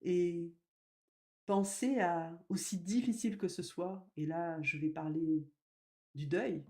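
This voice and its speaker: A woman medium gives a live spiritual talk in a lowish voice. She speaks gently and slowly, then suddenly gets loud for emphasis before dropping back to softness.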